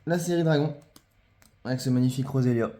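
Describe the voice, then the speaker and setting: Talking at a quick pace in a dark, mid-range voice, a man shows off his trading cards in an informal vlog. His speech is hesitant and cluttered with fillers and phrases he repeats.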